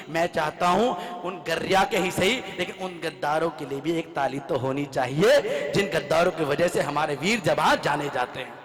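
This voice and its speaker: Male comic poet, high voice, lively storytelling, acted-out dialogue, echoing live PA sound. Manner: lively storyteller acting out dialogue with rhythmic repetition. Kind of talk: stand-up comic storytelling at a poetry gathering.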